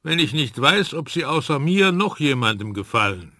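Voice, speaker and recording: A man's voice: fairly high pitch, sing-song, moderate pace, pushed and bright, no echo, clean studio sound, heavily acted. A man doing a scatterbrained old inventor. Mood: eager. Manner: distracted, mumbling, then eager. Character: absent-minded old male inventor professor.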